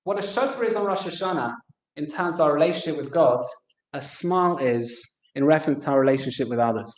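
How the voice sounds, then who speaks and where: A man with a high voice gives a reflective memorial talk. He tells stories and plays out the dialogue, sprinkling in Hebrew words. The sound is roomy, with the echo of a synagogue hall. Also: brisk. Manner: storyteller acting out dialogue, weaving in Hebrew terms. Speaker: speaker at a memorial gathering.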